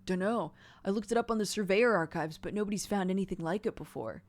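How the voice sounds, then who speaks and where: A woman voicing an excitable, secretive boy who is fond of small creatures, in story game dialogue. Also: medium pitch, quick pace, natural voice. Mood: explaining.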